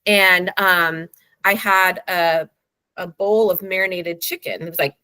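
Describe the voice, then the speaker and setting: A woman's voice: fairly low pitch, fairly even intonation, a little slow, bright, forceful tone, no room sound. A woman guest telling a long story in a rambling way, full of "like" and "you know", speaking from home over a video call. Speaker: dog owner, guest. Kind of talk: casual storytelling in an interview.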